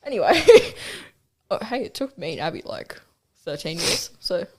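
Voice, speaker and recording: A young adult host, chatting casually on a podcast, joking and swearing freely. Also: male voice, high-pitched, very animated, moderate pace, background noise. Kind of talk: casual chat.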